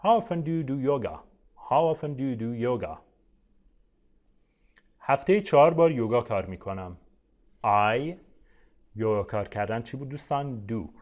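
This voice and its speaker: A man whose first language is Persian teaches English in an online lesson, voice at an ordinary pitch. He talks to his viewers in a friendly, explaining way, with frequent "uh"s. He says each English example slowly, then repeats it. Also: expressive, a little mellow.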